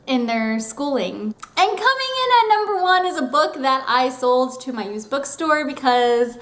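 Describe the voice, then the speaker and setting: A young woman talks to her viewers in a relaxed, rambling way, sprinkling in "like" as she goes. Her voice sits high. The room around her rings with a noticeable echo. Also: unhurried. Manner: chatty and rambling, heavy use of "like". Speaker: book vlogger. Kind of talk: casual chat to camera. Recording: roomy echo.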